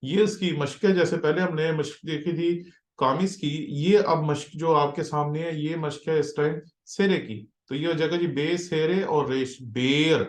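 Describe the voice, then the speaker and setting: Slow, echoey male Hebrew teacher. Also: fairly high pitch. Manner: spells out letters and vowels one by one, with frequent "ठीक है ना" check-ins. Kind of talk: slow drilled Hebrew lesson in Urdu-Hindi.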